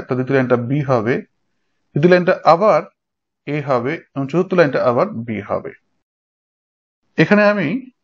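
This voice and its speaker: Male teacher, slightly high voice, patient explainer, lo-fi recording. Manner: explanatory, checks in with students. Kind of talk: recorded lecture. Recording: dull lo-fi sound.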